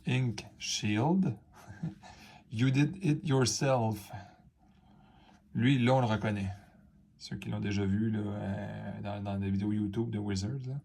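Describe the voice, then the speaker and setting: A man's voice: lowish voice, fairly even intonation, moderate pace, vocal fry, mellow, breathy edge. A man with a Quebec French accent, chatting casually to camera as he opens cards and reacts to each one, rambling with fillers and asides. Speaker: card-opening video host. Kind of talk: casual unboxing chat to camera.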